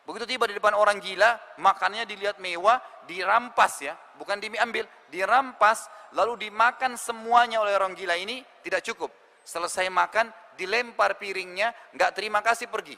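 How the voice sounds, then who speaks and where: A man preaching a storytelling sermon to a congregation, emphatic and lively, asking his listeners questions. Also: sits high, a little fast, in a large hall.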